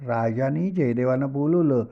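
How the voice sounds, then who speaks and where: A man telling a devotional story in a lively, dramatic way, with asides to his listeners. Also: medium pitch, moderate pace. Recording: dull lo-fi recording.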